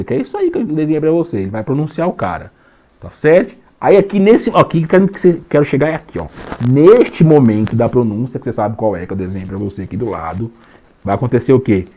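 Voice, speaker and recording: A man's voice: medium pitch, warm tone. A man teaching law in an online exam-prep lecture, slangy and jokey, who keeps checking that students follow. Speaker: law professor.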